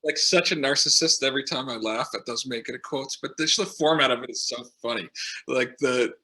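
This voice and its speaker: A man's voice: medium pitch, brisk, bright, forceful tone. A man with a Minnesota accent, a podcast guest on a video call, chatty and self-mocking. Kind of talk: casual podcast chat.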